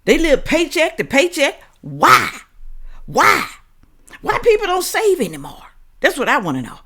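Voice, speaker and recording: Against a noisy background, an American woman with a high-pitched voice and huge pitch swings speaks at a measured pace as host of a reaction commentary show. She addresses viewers bluntly and confrontationally, full of opinions and rhetorical questions.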